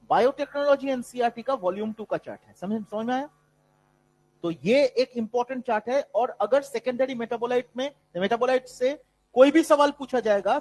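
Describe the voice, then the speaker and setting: A man with a high voice lectures a biology class in that carries an influence. He switches freely into English for the terms and keeps calling his students "beta". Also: darkish tone, poor audio. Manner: mixes Hindi and English, calls students "beta". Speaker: biology teacher.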